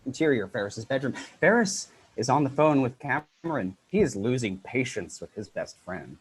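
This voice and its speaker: A man reading stage directions in a brisk, matter-of-fact way at an unrehearsed script read-through. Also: mid-range voice, very animated, slight background noise, poor audio.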